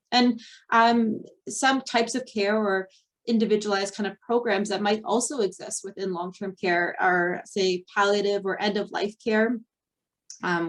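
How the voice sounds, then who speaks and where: A young adult woman presenting a slide webinar, explaining step by step with frequent ums and fillers. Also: medium pitch. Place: Ontario.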